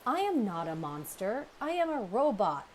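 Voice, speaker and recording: A woman voicing a friendly female robot in a storybook reading, polite and formal in a gentle tone. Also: medium pitch, big pitch swings, normal speed, slight background noise, pitched above the performer's own voice, close to an everyday voice.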